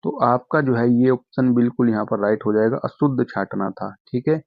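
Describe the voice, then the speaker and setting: A man's voice: medium pitch, gravelly, dry recording, phone-quality sound. Chatty male Hindi exam-prep teacher. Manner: addresses students as friends, repeats "ठीक है" constantly; spells words out slowly, stressing syllables. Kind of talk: live online exam-prep lesson.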